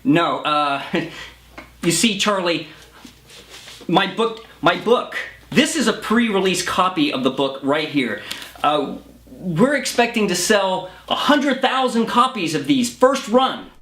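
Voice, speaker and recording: A man playing a defensive, flustered male professor in a screen drama, halting and evasive, in a roomy recording. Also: high-pitched, lively intonation, a bit bright, exaggerated voice. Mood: flustered disbelief. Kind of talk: naturalistic screen acting.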